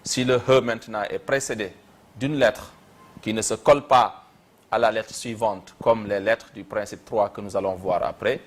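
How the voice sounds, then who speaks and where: A man with a Senegalese accent teaching Quran reading in a slow step-by-step lesson, repeating syllables aloud. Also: lowish voice, steady tone.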